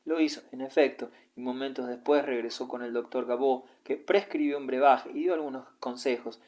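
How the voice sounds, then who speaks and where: A man reading a classic novel aloud as an audiobook narrator, steady and even. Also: mid-range voice, moderate pace.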